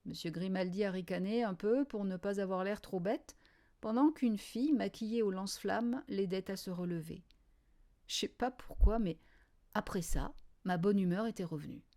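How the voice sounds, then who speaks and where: Mellow woman reading an audiobook. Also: medium pitch, moderate pace. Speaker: audiobook reader. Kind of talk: first-person audiobook narration.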